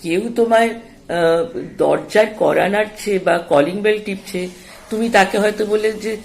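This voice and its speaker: A woman's voice: mid-range voice, gravelly, a little mellow. A woman teaching a spoken language lesson for children, explaining patiently and often checking that the listener follows. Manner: slow, explaining, checks understanding with asides.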